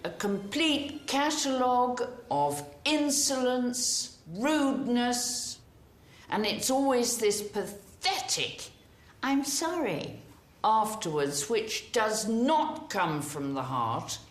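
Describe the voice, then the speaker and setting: A woman speaking as a finishing school headmistress, stern, measured and formal with her students. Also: on the high side, lively intonation.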